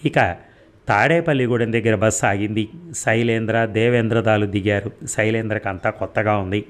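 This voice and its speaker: A man narrating a serial story in a measured storytelling manner. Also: fairly low pitch, fairly even intonation.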